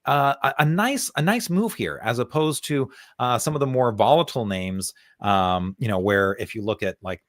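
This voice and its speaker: A man walks through stock charts at an everyday mid pitch, trading in steady, conversational analysis. He circles back on his words and leans on fillers as he thinks aloud. The sound is dry and close, with no room around it. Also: moderate pace, few pauses, no room sound. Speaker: co-host, stock market analyst.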